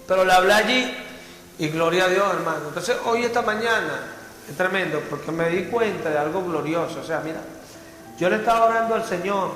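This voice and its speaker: A man's voice: on the high side, a bit bright, a little hiss or hum. Fervent male pastor in echoey church. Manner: fervent, asks the congregation rhetorical questions. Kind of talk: sermon. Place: church hall. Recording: echoey church hall, faint music.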